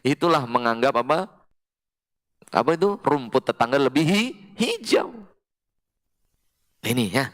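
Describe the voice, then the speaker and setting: A man preaching a sermon to a women's study group. He chants verses slowly and acts out little scenes with quoted voices. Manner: animated, jumps to high emphatic pitch, chants Quran verses slowly. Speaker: Islamic preacher.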